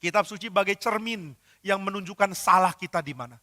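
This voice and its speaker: A male pastor preaching a sermon in an animated storytelling way, slipping into character voices. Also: high-pitched, fairly quick, in a large hall. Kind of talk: sermon with acted-out stories.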